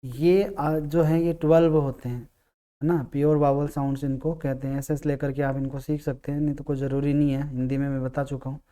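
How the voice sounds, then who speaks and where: A man teaching English grammar, explaining patiently, repeating key words and sounding out vowels slowly. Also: on the high side, level tone, warm tone. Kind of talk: classroom-style explanation.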